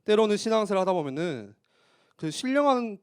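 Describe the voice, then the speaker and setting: A man preaching a youth sermon in church, conversational, tossing out rhetorical questions and punctuating with quick affirmations. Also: high-pitched, very animated, a little mellow, clear, resonant tone. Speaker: youth pastor.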